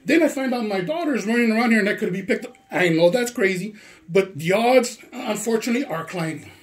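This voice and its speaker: A middle-aged father with a deep, strained voice after surgery, heatedly complaining to school staff. He questions in rapid bursts, then gives long, insistent explanations. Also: expressive. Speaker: parent. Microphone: handheld phone recording.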